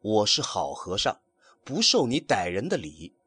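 A man voicing a stern, weary male Buddhist monk who speaks in low, curt scolding tones. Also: huge pitch swings, unhurried, fairly bright tone, breathy edge, dry recording, exaggerated voice.

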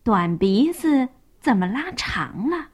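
A woman's voice: fairly high pitch, sing-song, slow pace, slightly rough, exaggerated voice. A woman voicing an anxious mother pig in a children's story, fussing and exclaiming.

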